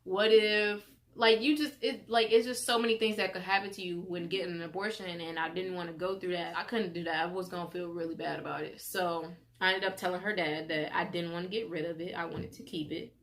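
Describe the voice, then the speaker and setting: A woman's voice: fairly low pitch, fast, hardly any pauses, slight background noise. A young adult woman vlogging, telling a personal story in a casual, chatty way with lots of "like" and restarts. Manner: animated retelling full of "like" and acted-out quotes.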